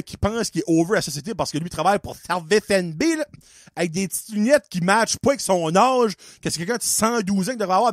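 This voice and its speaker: A man's voice: high voice, dry recording, clean studio sound. A man with an Acadian French accent hosting a podcast, telling a story as a profane, sarcastic, exasperated rant. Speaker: podcast host. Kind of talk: casual comedic rant.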